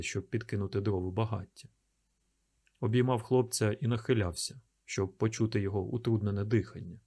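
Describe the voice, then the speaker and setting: A man reading a novel aloud in calm, measured audiobook narration. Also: lowish voice.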